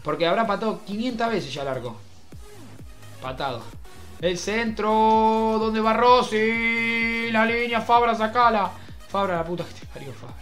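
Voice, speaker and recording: A young man with an Argentine Spanish accent, doing mock football commentary over a video game, swinging between shouted play-by-play and muttered grumbling. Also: sits high, unhurried, faint music behind. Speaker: gaming youtuber.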